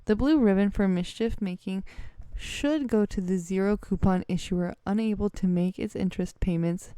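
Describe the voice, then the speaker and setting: A woman vlogger reads a letter aloud in a smooth, mellow, mid-range voice at normal speed, tripping over words and correcting herself as she goes. The recording sounds close and dry.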